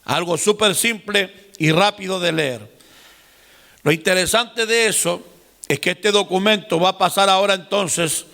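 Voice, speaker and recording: In a classroom lecture, a man teaches a seminar, explaining patiently and addressing his listeners directly. His high-pitched, sharp voice carries vocal fry and sounds like it's in a large room.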